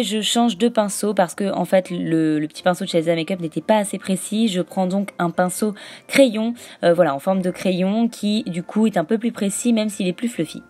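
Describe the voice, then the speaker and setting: A woman at a mid-range pitch talks through a makeup tutorial in a voice-over, explaining each step plainly. She often pauses on little fillers as she goes. Soft music plays faintly underneath. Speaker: beauty vlogger.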